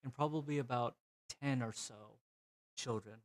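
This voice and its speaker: A man narrating a tabletop game as game master, in a relaxed, descriptive way. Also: medium pitch, normal speed.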